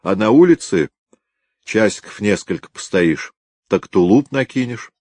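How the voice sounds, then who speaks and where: A blunt field detective snapping back curtly, louder and higher than the reader's own voice, as a male narrator puts him on. Dry, close recording. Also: animated, a little slow, no echo. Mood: sharp. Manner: sharp, curt.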